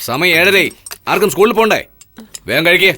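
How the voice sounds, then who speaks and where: A man's voice: sits high, animated, brisk, bright, forceful tone, slight background noise. A man voicing a stern, short-tempered magistrate father in a dubbed film, scolding harshly. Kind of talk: film dub dialogue.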